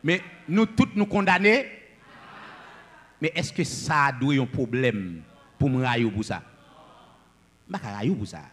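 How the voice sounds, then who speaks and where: A man preaching a sermon, swinging between loud declamations and low asides. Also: animated, a little slow, pauses often, husky, in a large hall.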